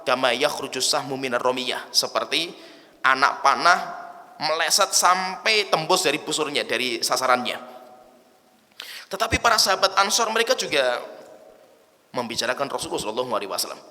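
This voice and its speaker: A man's voice: mid-range voice, lively intonation, fairly quick, long pauses, sharp tone. A man preaching a colloquial religious lecture, retelling stories casually and reciting Arabic phrases between plain explanations. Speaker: Islamic preacher. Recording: long hall reverb.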